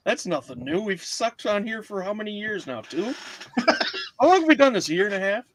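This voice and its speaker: A middle-aged man with a Wisconsin accent co-hosts a loose comedy chat over a video call, flustered and laughing at himself. His voice sits a little high. A faint hiss runs beneath it. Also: sing-song, normal speed, poor audio. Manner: flustered, self-mocking, laughing. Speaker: podcast co-host.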